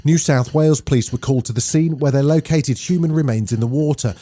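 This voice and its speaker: A man hosting a daily news podcast, reading scripted news in a brisk, lively way. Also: a little high.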